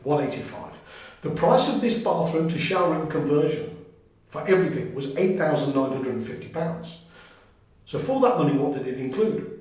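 A man's voice: fairly high pitch, darkish tone, heavy reverb, far from the mic, low-quality recording. A middle-aged man from England showing off a finished bathroom, enthusiastically listing what was included, recorded on a 360 camera in a small tiled room. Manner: enthusiastic, lists items quickly, points things out. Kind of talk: casual sales walkthrough.

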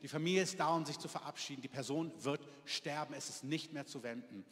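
Man, pastor, conversational sermon, questions to the congregation, slightly high voice, church hall reverb. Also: quick pace, fairly bright tone. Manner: conversational storytelling, asks audience questions.

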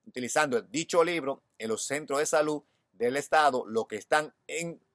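A man's voice: a little high, a bit bright, no echo, studio quality. A man in his thirties with a Dominican accent, hosting a news show outdoors, reading headlines and then giving his own opinion. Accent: Dominican Spanish. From Dominican Republic. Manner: reads headlines, then adds personal opinion. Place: outdoors in front of a hedge.

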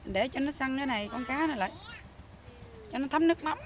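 A young woman with a Southern Vietnamese Mekong Delta accent, chatting loudly and eagerly to viewers while she cooks in a rural hut kitchen. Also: high voice, quick pace. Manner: loud, chatty, enthusiastic, talks over noisy kids. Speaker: cooking vlogger. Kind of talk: casual cooking vlog chat.

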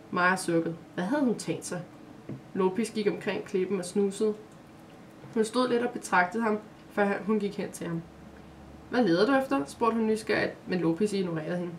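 A woman's voice: medium pitch, recorded from a distance, a little hiss or hum. A woman, the author, reading her own story aloud in a plain voice, with small slips and self-corrections.

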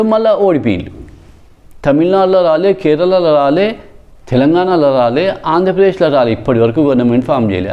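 A man's voice: fairly high pitch, dark tone. A man giving a solo political commentary, emphatic and repetitive in short punchy phrases. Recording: dull lo-fi sound.

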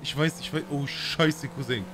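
A man's voice: on the high side, moderate pace, background noise. Brash slangy man streaming a role-play.

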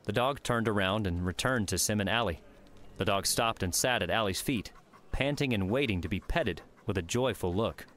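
A man narrating an audiobook in steady, even storytelling. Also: lowish voice, normal speed. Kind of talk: scripted narration.

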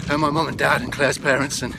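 A British man with a fairly high voice records a casual running diary on his phone. He raises his voice over clear wind noise out in the open, talking as he moves. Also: level tone, fast. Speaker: ultra runner vlogging a race. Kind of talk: casual spoken video diary. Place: outdoors on open coastal path. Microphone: phone at arm's length.

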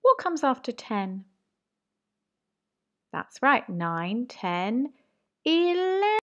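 Woman, reception teacher, unhurried pace, lively sing-song pitch, encouraging. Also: lo-fi sound. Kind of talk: home learning maths lesson for young children.

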